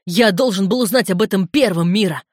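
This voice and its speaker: A woman reading aloud, voicing a furious, protective brother who shouts and swears insistently over the phone. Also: medium pitch, fairly even intonation, fast talker, no room sound, studio quality, lightly acted.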